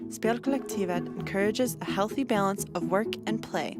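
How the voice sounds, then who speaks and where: A woman giving a scripted, upbeat promo narration with an even delivery. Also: medium pitch, normal speed. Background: loud background music.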